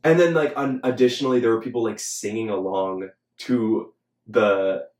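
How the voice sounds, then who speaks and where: A man's voice: fairly low pitch, steady tone, normal speed, a little mellow. A young man hosting a podcast, chatting casually and filling his talk with "like". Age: young adult. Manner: filler-heavy, chatty, frequent "like". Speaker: podcast host. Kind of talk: casual chat. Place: Los Angeles. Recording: roomy echo.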